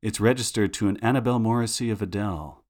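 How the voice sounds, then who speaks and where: A man's voice: on the low side, quick pace, a little mellow. A man reading a first-person serial story aloud, with a dry, sardonic way of telling it. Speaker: narrator. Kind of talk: first-person audiobook narration of serial fiction.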